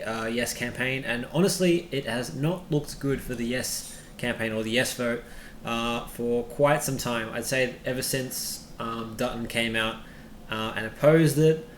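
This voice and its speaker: Cheap webcam mic, echoey room, faint noise, man, hesitant off-the-cuff commentary, repeats words. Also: medium pitch. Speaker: video host and poll commentator. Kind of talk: informal unscripted commentary. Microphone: old webcam microphone.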